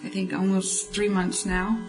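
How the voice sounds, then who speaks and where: Thirtyish woman from florida sharing her testimony, halting, lots of ums. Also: mid-range voice, level tone, music in the background, low-quality recording. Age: 30s. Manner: hesitant, many pauses and fillers. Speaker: program participant. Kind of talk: personal testimony.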